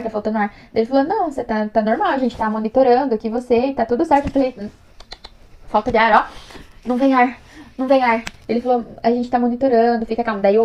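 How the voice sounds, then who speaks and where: A young Brazilian woman with a mid-range, darkish voice tells her birth story to the camera, chatty and emotional, acting out what others said. She has a Brazilian Portuguese accent, and the recording is rough.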